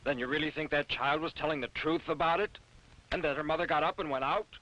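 An actor playing the doctor's curious, questioning friend in a 1950s dubbed film. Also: male voice, fairly high pitch, quick pace, sharp tone, highs cut off. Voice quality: questioning, eager.

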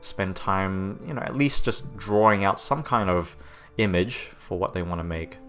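Speaking in a low voice at a moderate pace, an Australian man narrates a game-art tutorial while working on a screen recording. His voice is stuffy from hay fever, and he rambles and self-corrects, often saying "um" and "okay?" over soft background music.

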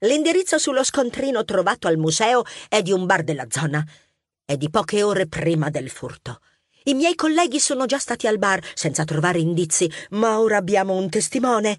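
A woman's voice: medium pitch, sing-song, moderate pace, no echo, clean studio sound. A woman playing a friendly, witty police inspector mouse, businesslike and teasing. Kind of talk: audiobook character acting.

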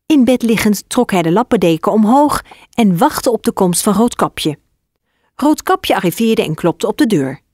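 A woman narrating a children's fairy tale in an expressive, scripted reading. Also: medium pitch, normal speed, no room sound, clean studio sound.

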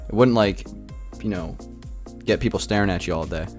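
A young man talks in a loose, rambling way on a gaming livestream, packing his sentences with "like" as he rants. His voice sits fairly low. Faint music plays quietly behind him. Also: brisk. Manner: rambling, heavy use of filler "like", animated ranting. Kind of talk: casual livestream chat.

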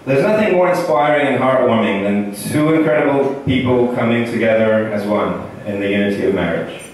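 The best man, in his thirties and a native Russian speaker, reads a comic toast from notes, his mid-range voice deadpan as he leaves room for laughs. He uses a handheld mic indoors in a banquet hall. A far-off camera picks up echo and audience chatter.

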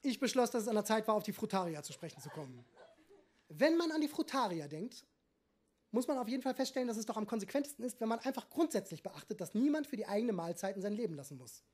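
A man's voice: high voice, sing-song, quick pace, a little mellow. A man reading his own satirical short story aloud in a dry, ironic manner.

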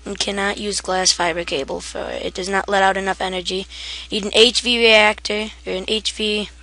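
A woman walks through a video game setup in a loose, half-asleep way. Her voice is bright with a gravelly edge, and she trips over words and laughs off her own mistakes. Keyboard typing sits behind her. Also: mid-range voice, fairly even intonation, fairly quick. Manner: sleepy, rambling, self-deprecating. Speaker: gaming tutorial maker. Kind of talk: casual game tutorial.

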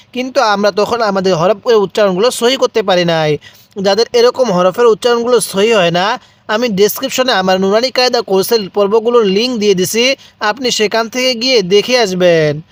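A man with a Bangladeshi Bengali accent teaching Quran recitation, spelling out each syllable slowly and prompting listeners to repeat after him. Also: sits high, dry recording.

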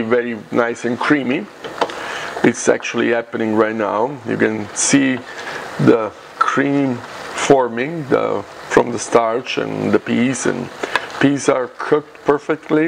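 Italian accent guy doing a casual cooking demo, gravelly voice, noisy kitchen behind him. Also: mid-range voice. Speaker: cooking show host. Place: home kitchen, indoors.

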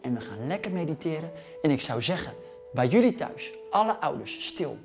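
Faint background music plays as a kids' fitness coach in his thirties runs an energetic home workout in a gym. His slightly high voice is very animated and moves at a moderate pace. He exercises with the children, a bit breathless, cheering and counting down reps.

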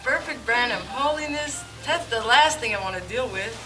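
A woman with a fairly high voice and lively intonation speaks at a moderate pace, acting lightly. In an amateur church play on an indoor church hall stage, she plays a doubtful dinner guest who keeps questioning what she hears, sounding skeptical. The recording comes from a distant camera, with music behind her.

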